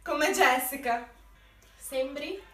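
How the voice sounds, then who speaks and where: A woman's voice: high voice, takes it slowly, fairly bright tone. A young woman in casual game banter, exclaiming and repeating phrases with emphasis. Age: young adult. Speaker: video challenge participant. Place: small bedroom, indoors. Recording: roomy, distant mic, music behind.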